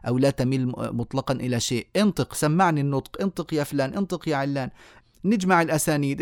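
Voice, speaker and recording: Male tajweed teacher, mid-pitched voice, dry close recording, patient explaining tone, demonstrates each letter. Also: a little mellow, no room sound. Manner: explanatory, repeats key words, demonstrates sounds aloud. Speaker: Quran recitation teacher. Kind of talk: online lecture on tajweed.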